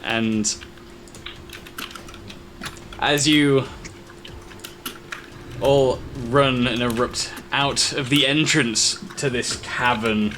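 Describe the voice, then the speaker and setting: A man acting as game master, telling an improvised tabletop adventure in short, halting, descriptive phrases. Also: mid-range voice, fairly even intonation, a bit bright, rough recording. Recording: faint background noise.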